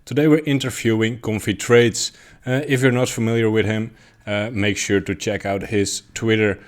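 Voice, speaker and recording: A man hosts a casual interview, asking questions in a lowish, fairly even voice at a moderate pace. He hesitates a lot, uses many fillers and restarts, and laughs along.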